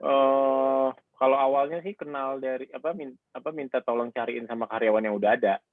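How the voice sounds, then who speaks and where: A man's voice: medium pitch, fairly even intonation, brisk, no room sound. A man who owns a car wash, chatting casually in an interview over a call and rambling with plenty of fillers. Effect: heard over a phone line. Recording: narrow tinny phone-like sound, dry.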